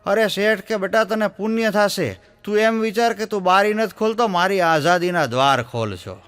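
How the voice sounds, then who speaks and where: A man's voice: high voice, moderate pace, a bit bright, a little hiss or hum. A man with a Gujarati accent telling jokes in a folksy storytelling style, acting out the voices of the people in them. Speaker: stand-up comedian.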